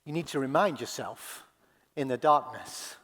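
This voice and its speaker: A male pastor giving a sermon. He speaks slowly and deliberately, dropping to a hush and then rising to loud, impassioned cries. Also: mid-range voice. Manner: dramatic swings from hushed to loud crying out; slow, deliberate delivery with long pauses. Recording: long hall reverb.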